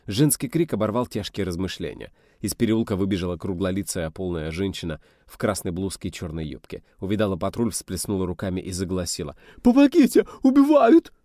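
Deep-voiced man narrating a novel. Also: no echo, clean studio sound. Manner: steady, measured storytelling. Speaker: audiobook reader. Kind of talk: scripted narration.

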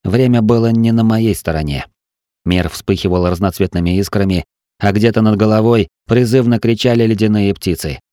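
Low-voiced man reading an adventure story. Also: normal speed, no room sound, studio quality. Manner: steady, dramatic storytelling. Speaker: audiobook narrator. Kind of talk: first-person adventure narration.

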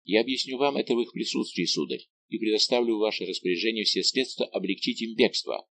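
A man's voice: fairly low pitch, fast talker, fairly bright tone. A man reading an audiobook voices a proud minister who speaks with emphasis and passion. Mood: impassioned.

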